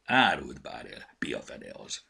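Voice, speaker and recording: A man's voice: sits low, big pitch swings, vocal fry, a bit bright, slightly rough, exaggerated voice. A man doing a stuffy-nosed grumpy sick goblin. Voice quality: stuffy blocked-nose speech. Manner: grumbling, tired. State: congested with a cold. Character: sick grumpy little male goblin with a cold.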